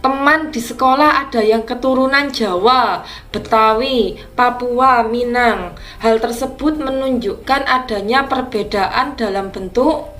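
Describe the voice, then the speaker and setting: A woman teacher with a fairly bright, slightly high voice goes over practice exam questions, taking her time to explain every answer in a careful, deliberate way.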